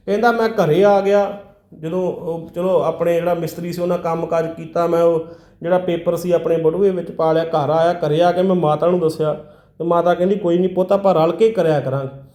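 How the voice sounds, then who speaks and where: A man's voice: sits high, warm tone. A man, a Sikh preacher, earnestly retelling a devotee's story in a sermon and often breaking in with "he said". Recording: echoey room.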